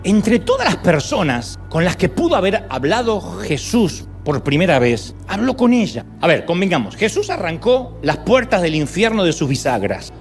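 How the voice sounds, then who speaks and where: A male pastor preaching a dramatic sermon, telling a story with humorous asides and acting out quotes with sudden cries. He speaks Spanish with an Argentine accent. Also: high-pitched.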